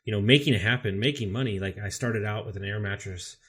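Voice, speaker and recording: A man speaking as a guest on a podcast, with a slightly low voice. He tells his story candidly and with energy, and swears freely. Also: fast talker, breathy edge. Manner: candid, profane, animated storyteller. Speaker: podcast guest, business coach. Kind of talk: casual storytelling interview.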